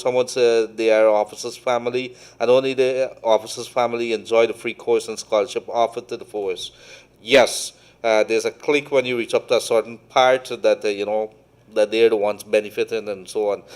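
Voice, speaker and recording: A man's voice: mid-range voice, clean tone. Emphatic Guyanese man on talk radio. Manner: emphatic, quick bursts of speech. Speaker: radio show host. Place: radio studio. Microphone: studio mic with headphones.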